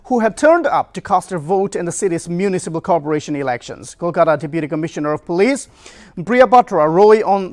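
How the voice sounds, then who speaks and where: High-pitched male newsreader. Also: noisy background. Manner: formal. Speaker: news anchor. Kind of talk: scripted news reading.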